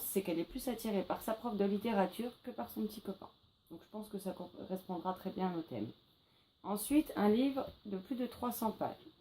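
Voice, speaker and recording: A French woman talks casually to her viewers about her reading plans, her voice mellow and soft-edged. She chats along, pausing on fillers and correcting herself now and then, with a faint hum of room noise behind her. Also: mid-range voice, rough recording. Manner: chatty, with frequent fillers and self-corrections. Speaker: book vlogger. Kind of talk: casual spoken video presentation.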